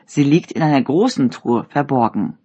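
A man from a read-aloud fairy tale, voiced by the storyteller, advising a boy. He speaks in an unhurried, husky voice. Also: mid-range voice, lively intonation, dark tone, dull audio. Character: older man giving advice to a boy.

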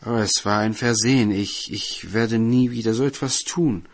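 A man's voice: fairly low pitch, normal speed, dry recording. A man voicing a remorseful village blacksmith in a folk tale, hasty and apologetic.

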